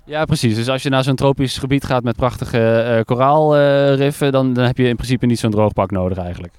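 A curious man chats his way through an outdoor report, tripping over words as he asks questions. His voice is smooth and resonant, and it sounds dry and close to the mic. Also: medium pitch, a little fast, a little mellow, no room sound. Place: lakeside jetty outdoors in rain.

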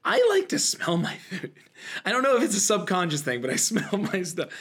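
Higher-voiced man, animated jokey podcast storyteller. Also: a little fast, husky. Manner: animated, jokey, mimics inner thoughts in quotes. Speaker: podcast co-host. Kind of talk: casual comedic chat, storytelling. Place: indoors, in a church.

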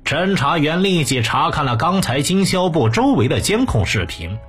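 A man's voice: on the high side, sing-song, normal speed, fairly bright tone, breathy edge. A man reading scripted true crime narration in a storytelling delivery, as a narrator of criminal cases. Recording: music bed under the voice. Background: background music.

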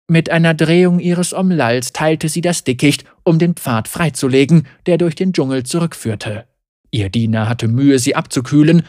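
A woman narrating a fantasy audiobook in expressive storytelling style. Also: sits low, dry recording, clean studio sound.

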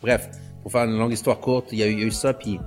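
Laid-back Quebec man, low voice. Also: very fast, faint music behind. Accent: Quebec French. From Canada. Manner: mixes French with English slang, relaxed storytelling. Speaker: guest. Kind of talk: casual conversation.

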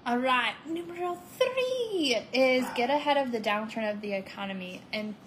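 A woman's voice: sits high, expressive, moderate pace, a bit bright, slight background noise, rough recording. A woman co-hosting a casual podcast chat, upbeat and salesy, with lots of "like" and "right?". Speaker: podcast co-host.

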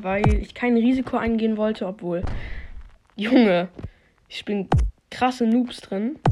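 A woman hosting a podcast while playing a video game, commenting casually and swearing, recorded on a low-quality phone microphone. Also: background noise. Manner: slangy, swears, talks to herself and her listeners.

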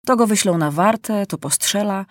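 A woman narrating a children's audiobook with lively, expressive storytelling. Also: medium pitch, normal speed, dry recording, clean studio sound.

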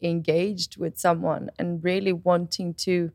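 A woman in her twenties tells a personal story in casual chat, her voice swinging up high and loud when she gets excited. She acts out what others said as she talks. The sound is close and dry. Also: a little slow, no room sound. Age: 20s. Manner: animated storytelling, quoting others.

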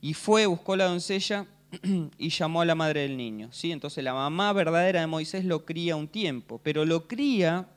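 A man with an Argentine accent preaching a sermon, telling the story in a jokey, animated way and often checking in with his congregation. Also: on the high side, normal speed, clean tone. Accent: Argentine Spanish. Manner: animated, jokey, keeps asking the crowd "¿sí?".

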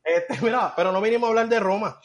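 A man's voice: high-pitched, quick pace. A man hosting a podcast, teasing his guests in a playful way. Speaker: podcast host. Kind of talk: casual podcast chat.

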